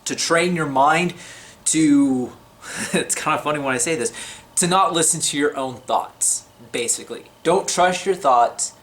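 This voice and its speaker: A man's voice: fairly high pitch, a little slow, fairly bright tone. A man talking casually to camera about faith, chatty and unscripted, his voice slightly shaky. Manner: chatty, unscripted, with many fillers and restarts. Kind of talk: casual religious talk to camera.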